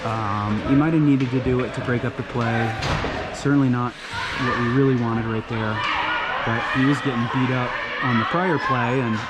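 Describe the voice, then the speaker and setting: A man calls a youth hockey game from the rink stands at an ordinary middle pitch, growing excitable and shouting encouragement to the players. He mixes quick play-by-play with chatty, wry asides. Loud arena noise rumbles steadily under his voice. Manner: chatty asides with dry jokes. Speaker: parent play-by-play commentator. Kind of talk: amateur hockey play-by-play commentary. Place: stands of an indoor ice rink.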